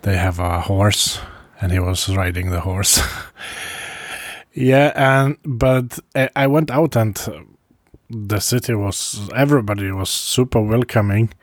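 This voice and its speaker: Slow, halting man recounting his travels. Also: fairly low pitch, dry recording, clean studio sound. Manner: halting, with frequent pauses and restarts; soft chuckles between phrases. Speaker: traveler recording a video diary. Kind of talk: casual first-person travel diary.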